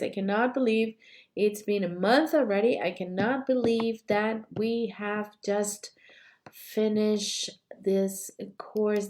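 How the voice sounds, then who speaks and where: A woman coach with a flu teaches a live-streamed class through her computer mic. She speaks slowly and unhurriedly, and her voice is a little hoarse. She chats warmly with viewers and keeps apologizing. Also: on the high side. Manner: apologetic, chatty, greets viewers by name. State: sick with a flu, slightly hoarse. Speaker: cake decorating coach. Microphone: computer mic while streaming.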